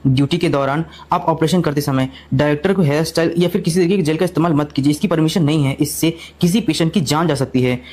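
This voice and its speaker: A man's voice: on the high side, fast talker, hardly any pauses, darkish tone, a little hiss or hum, lightly acted. A man voicing a dutiful female hospital nurse who explains the rules in a formal, polite way in a storybook recap. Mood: firm.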